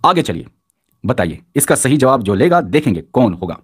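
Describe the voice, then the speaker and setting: A man's voice: medium pitch, normal speed, breathy edge. A man teaching a live online quiz class, reading out student answers and cheering them on with repeated praise. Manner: energetic, encouraging, repeats praise.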